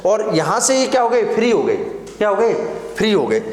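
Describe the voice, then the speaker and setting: A man's voice: high-pitched, very animated, normal speed. A man teaching a nursing exam class, lecturing at the board and drilling terms by asking and answering his own questions. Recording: echoey classroom.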